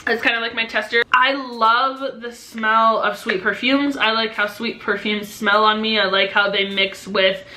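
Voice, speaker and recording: A woman's voice: fairly high pitch, steady tone, unhurried, hardly any pauses, bright, forceful tone. A young woman vlogger chatting casually through a beauty haul, full of "um" and "like" fillers. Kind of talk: casual product haul review. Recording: echoey room with faint noise.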